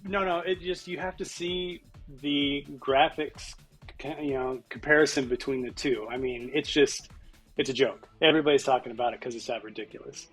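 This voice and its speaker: A man's voice: mid-range voice, moderate pace, a bit bright, husky, soft background music. A man in his thirties or forties chatting casually on a podcast, rambling with many fillers and laughing often. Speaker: podcast co-host. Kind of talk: casual chat.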